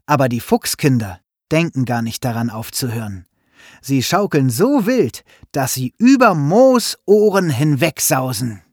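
Slow, expressive male storyteller. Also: medium pitch, no room sound, studio quality. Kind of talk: children's story narration.

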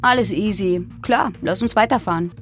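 A woman's voice: mid-range voice, moderate pace, soft background music, close to an everyday voice. A woman voicing her careless, cocky sixteen-year-old self in a dismissive tone. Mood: flippant. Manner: flippant, dismissive.

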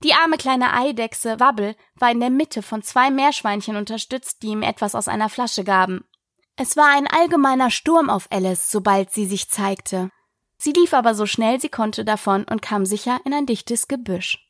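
A woman narrates a classic storybook in a steady, clear reading voice. Her voice sits fairly high, and the sound is dry and close with no room around it. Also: normal speed, no echo. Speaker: audiobook reader.

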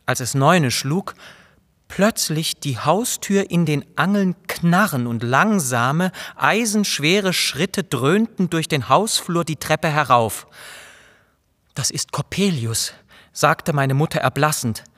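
A man reading a classic tale aloud, telling it slowly and dramatically in the first person. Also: fairly high pitch, animated, fairly bright tone. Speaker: reader. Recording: long hall reverb.

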